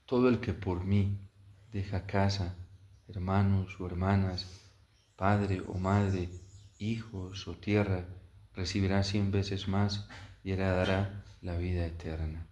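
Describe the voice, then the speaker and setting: A male priest delivers scripture and homily in a solemn, measured way. His voice is fairly low and very unhurried, carried by strong cathedral-like echo. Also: little pitch movement, darkish tone. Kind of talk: solemn liturgical Gospel reading and homily. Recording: echoey, cathedral-like church reverb.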